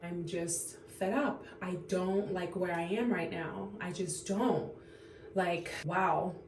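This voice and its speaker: Woman, 30s, low voice, close to tears, halting with many sighs, echoey room, faint hiss. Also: a little mellow. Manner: tearful, halting, full of fillers and sighs. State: on the verge of tears. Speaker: vlogger. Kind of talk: unscripted emotional confession to camera.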